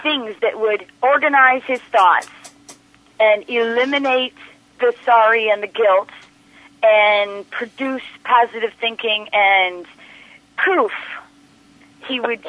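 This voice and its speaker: A woman's voice: a little high, slow, no echo. A woman speaking as a radio guest, earnestly recounting her experience and often restarting her words as she reflects. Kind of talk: personal account in a radio interview. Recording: dry, dull lo-fi radio audio.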